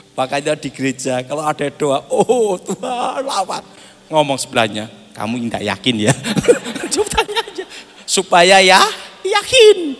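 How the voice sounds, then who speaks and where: Animated preacher in a hall. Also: male voice, a little high. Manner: animated storyteller, acts out dialogue, laughs often. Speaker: pastor. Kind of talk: sermon with personal testimony. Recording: echoey hall with faint music.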